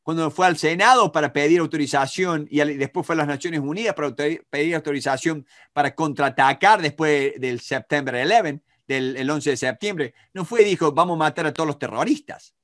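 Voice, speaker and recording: A middle-aged man with an Argentine Spanish accent teaches negotiation in a live online class, lively and talking to students by name with frequent checks on whether they follow. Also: fairly high pitch, brisk, hardly any pauses. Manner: animated, talks to students by name, many rhetorical checks. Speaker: negotiation instructor.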